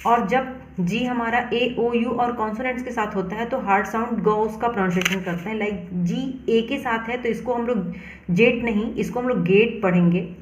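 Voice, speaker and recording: Slow, spelling-out woman teacher, echoey room. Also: fairly high pitch, slight background noise. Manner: slow, deliberate, spells words out letter by letter. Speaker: English pronunciation teacher. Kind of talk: explanatory lesson.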